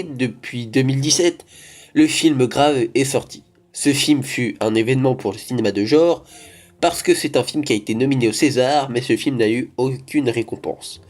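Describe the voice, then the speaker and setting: Speaking to his audience in relaxed vlog style, a young man from France has a medium-pitched voice with a touch of mellowness. He's a YouTuber who wanders through his thoughts, restarting often and leaning on fillers.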